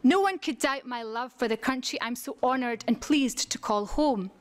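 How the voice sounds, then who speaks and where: High-voiced woman giving a rousing speech. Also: moderate pace. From Scotland. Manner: earnest, rhetorical. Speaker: conference speaker. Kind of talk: prepared speech. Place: conference room.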